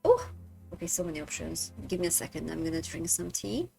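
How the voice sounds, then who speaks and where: A woman's voice: lowish voice, big pitch swings, fairly quick, vocal fry, a little mellow, faint music behind. A woman streamer casually commenting on a story game, with a slightly stuffy nose. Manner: chatty, reads game text aloud. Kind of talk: casual let's-play commentary.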